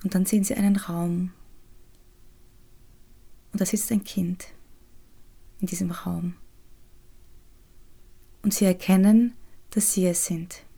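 A woman guides a meditation in a soft, soothing half-whisper, pausing often. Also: lowish voice, fairly even intonation, gravelly, husky. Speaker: podcast host and resilience trainer guiding a meditation.

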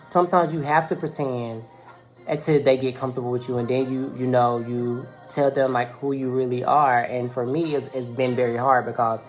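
In a casual podcast chat, a young adult host from the US talks candidly with plenty of slang; his voice is naturally feminine-sounding. Medium pitch, steady tone, and moderate pace, with faint music behind the voice.

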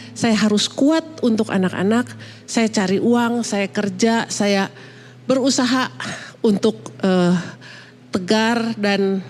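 A woman in her fifties from Indonesia, a pastor giving a personal testimony sermon, halting and emotional, with many fillers and restarts. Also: medium pitch, darkish tone. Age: 50s.

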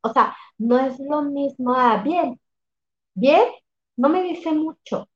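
High-voiced woman in an echoey room. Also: slow pace. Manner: reflective, emphatic, often affirms with "exactly". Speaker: workshop facilitator and coach. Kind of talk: casual conversation. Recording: roomy, dull lo-fi sound.

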